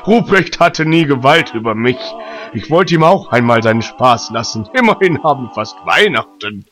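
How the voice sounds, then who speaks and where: A man's voice: animated, a bit bright, soft background music, natural voice. A man playing a jovial, magnanimous old Santa Claus in a comedic audio drama, with a grand manner. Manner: slow, grand, booming ho-ho delivery.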